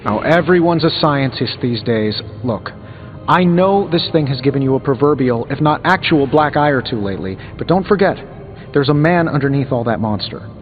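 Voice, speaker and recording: A man's voice: mid-range voice, lively intonation, normal speed, lo-fi sound, soft background music, lightly acted. A man playing a cocky, sarcastic armored superhero inventor in a video game, full of wisecracks. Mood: confident, wry. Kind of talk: video game character dialogue.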